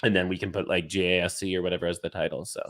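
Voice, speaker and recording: A fairly low-voiced man in loose livestream banter, pumped up and cursing freely. He laughs easily and talks through a computer mic on a call. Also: flat delivery, racing, a bit bright. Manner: hyped, swears often, laughs easily. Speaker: livestream co-host. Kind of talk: casual chat.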